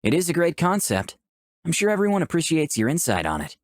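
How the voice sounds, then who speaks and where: This player reads aloud while going through a visual novel, voicing both the protagonist and the narration with playful flirtation. Their mid-range voice swings hugely in pitch and moves fairly quickly, captured as clean studio sound without echo.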